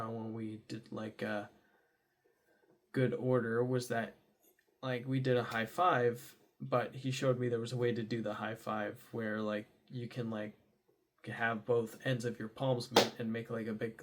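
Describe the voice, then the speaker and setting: Young guy rambling through his day in a vlog, lots of um and like, pops into loud high yelps. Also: level tone, measured pace. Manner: rambling, with many fillers and restarts; bursts into loud high exclamations. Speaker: vlogger. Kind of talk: casual diary vlog.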